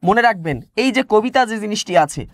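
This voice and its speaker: A man with a Bangladeshi Bengali accent teaches an exam-prep class online. His voice sits high, and he repeats key words and questions his listeners as he explains. The sound is dry and close, with no room echo. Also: animated, fast.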